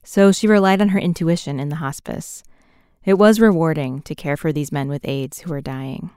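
A woman narrating a documentary podcast in a scripted, measured way. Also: low-pitched, warm tone, smooth, no room sound, studio quality.

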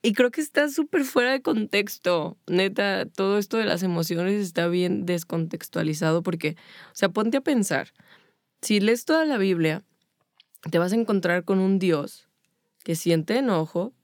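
A woman's voice: mid-range voice, expressive, moderate pace, dry recording, clean studio sound. A woman with a Mexican accent talking casually about faith and emotions, stacking up long spoken lists. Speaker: podcast co-host.

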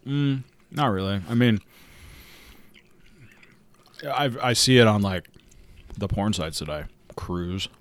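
A man's voice: on the low side, slow pace, long pauses. A man co-hosting a podcast, talking in a laid-back way with many fillers. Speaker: podcast co-host. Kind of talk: casual crude podcast banter.

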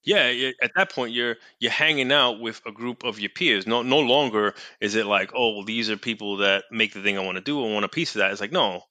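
Man, host, bright crisp voice, dry close sound, laid-back, conversational. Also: on the low side, a little fast, hardly any pauses, no echo. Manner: laid-back, conversational, tags lines with "right?" and "like". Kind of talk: casual podcast chat.

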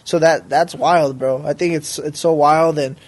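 A man's voice: fairly high pitch, steady tone, a little slow. A man as a podcast guest, talking casually in a rambling, slangy way and often checking for agreement. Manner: slangy, rambling, peppered with bro and right. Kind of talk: casual conversation.

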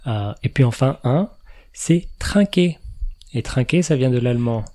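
A man's voice: mid-range voice, lively intonation, measured pace, dark tone. A man hosting a podcast in a casual, explanatory chat, laughing now and then at his own remarks. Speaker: podcast host.

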